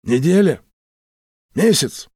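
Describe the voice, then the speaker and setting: A man's voice: fairly high pitch, animated, takes it slowly, darkish tone, slightly rough, dry recording, clean studio sound, voice pushed up, heavily acted. A male narrator voicing a laconic middle-aged truck driver who speaks vaguely and without hurry.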